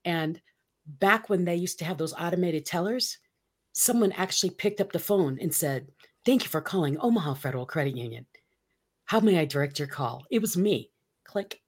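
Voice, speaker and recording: A woman's voice: on the low side, animated, normal speed, husky. A woman in her fifties hosting a talk show, upbeat and laughing often as she chats. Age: 50s. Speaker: host. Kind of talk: casual talk show chat.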